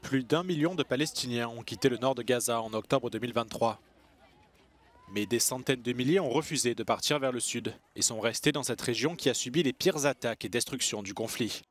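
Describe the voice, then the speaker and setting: Male news anchor, measured scripted delivery, mid-range voice. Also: mid-range voice. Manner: measured, even newsreader delivery.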